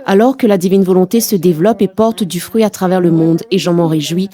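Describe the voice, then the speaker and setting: Mellow-voiced woman hosting a panel. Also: fairly low pitch, fairly quick. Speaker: host. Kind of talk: scripted introduction and moderating.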